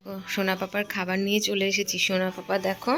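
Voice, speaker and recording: A woman's voice: mid-range voice, monotone, fast talker, pushed and bright, soft background music. A young woman chatting to her viewers as she goes about her chores at home, talking into a handheld phone. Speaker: home vlogger. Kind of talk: casual vlog narration to viewers. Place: at home, kitchen.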